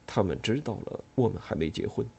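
A man voicing an anxious builder who pleads in a hushed voice in an audiobook. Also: lowish voice, animated, fairly quick, gravelly, husky, full character voice. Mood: hushed pleading.

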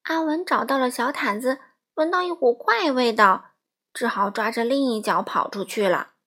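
A woman reading a picture book aloud to young children in a lively, coaxing storytelling manner. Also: fairly high pitch, moderate pace.

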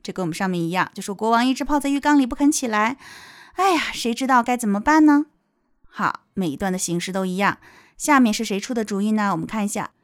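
A young woman teacher explaining a picture book line by line, with lively rises in her voice. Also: mid-range voice, fast, no room sound, clean studio sound. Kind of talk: picture-book reading lesson.

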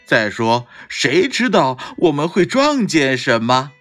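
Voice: medium pitch, very animated, slow, a bit bright, soft background music. A storyteller voicing a cautious, fretful squirrel in a children's story. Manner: worried, grumbling.

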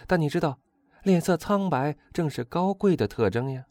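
A man reading a storybook, voicing a vain, excitable young dandy who chatters loudly and boastfully. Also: normal speed, dry recording, close to an everyday voice. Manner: loud exuberant high-pitched chatter.

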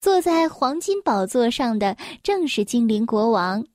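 A woman reading a children's storybook aloud, slow and expressive. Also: on the high side, no room sound, studio quality.

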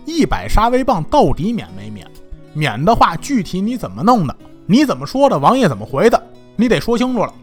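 A shrewd, suspicious official who pins people down with questions, as a male storyteller plays him. His voice sits high and moves lively up and down. Faint music hums underneath. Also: brisk. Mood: stern. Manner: pressing, interrogating.

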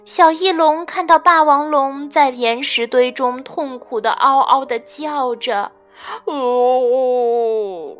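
Bright, high-voiced woman reading a kids' story. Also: a little slow, hardly any pauses, soft background music. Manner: expressive, gentle, with lively sound effects.

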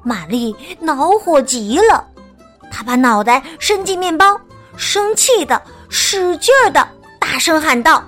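一位女士给孩子讲睡前绘本故事，语调温柔，像唱歌一样拖长。. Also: female voice, high-pitched, expressive, faint music behind. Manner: gentle, sing-song, drawn-out storytelling. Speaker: children's storyteller. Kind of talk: bedtime picture-book narration.

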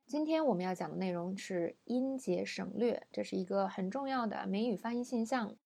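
A young adult woman teaching English pronunciation in a recorded audio lesson, slowing down sharply to model each word. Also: medium pitch, creaky, warm tone. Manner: slows right down to model English words.

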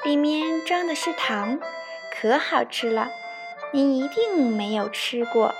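A woman's voice: high-pitched, animated, takes it slowly, over music, voice pushed up, exaggerated voice. A woman voicing a sly, boastful little fox in a bedtime story, speaking smugly and coaxingly. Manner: smug, coaxing, cheerful.

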